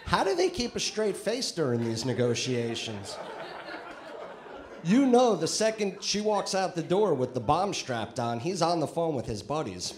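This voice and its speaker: A man's voice: a little high, big pitch swings, normal speed, hardly any pauses, noisy background. A male stand-up comedian performing a conversational set with crude punchlines on a comedy club stage, into a handheld mic.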